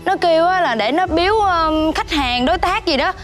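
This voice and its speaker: A woman's voice: extremely high pitch, lively intonation, normal speed, a bit bright, faint music behind. An actress playing a fed-up young woman owed money, scolding and exasperated, with a Southern Vietnamese accent. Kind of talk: web drama acting.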